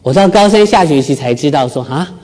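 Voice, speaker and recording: A man's voice: fairly high pitch, expressive, fast talker, darkish tone. A middle-aged man from Taiwan giving a public talk, telling stories about himself with self-deprecating humor. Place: lecture hall with live audience.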